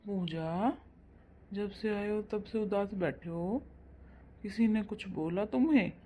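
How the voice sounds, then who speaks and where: A woman voicing a gentle, concerned young husband in a cartoon, speaking softly and with worry. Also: mid-range voice, slow pace, voice pushed down. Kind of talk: cartoon voice acting.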